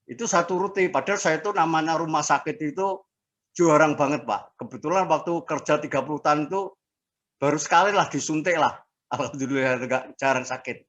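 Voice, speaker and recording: A man in his sixties giving a casual personal testimony as an interviewee, speaking haltingly with fillers and restarts. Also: on the high side, a bit bright, muffled recording. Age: 60s. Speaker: interviewee sharing a health testimony.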